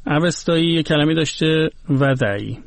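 A man's voice: fairly high pitch, vocal fry, dry recording. A man talking on a radio program, patiently explaining word origins one by one. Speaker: guest expert on languages.

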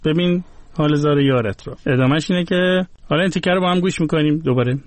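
A man talking on a radio program, patiently explaining word origins one by one. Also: on the high side. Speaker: guest expert on languages.

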